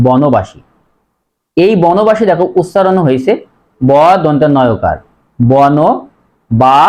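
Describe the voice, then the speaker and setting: A male teacher explaining pronunciation rules to students, slowly spelling each word letter by letter and repeating it. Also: a little high, darkish tone.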